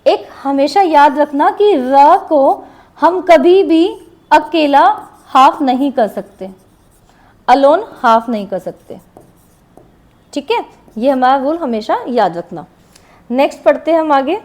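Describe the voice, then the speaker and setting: A woman with a high, light voice gives a shorthand class. She talks slowly and patiently and repeats each example word while she writes. The faint scratch of a pen on paper can be heard under her voice. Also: animated, a little mellow. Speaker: shorthand teacher. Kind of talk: classroom lesson explaining shorthand strokes.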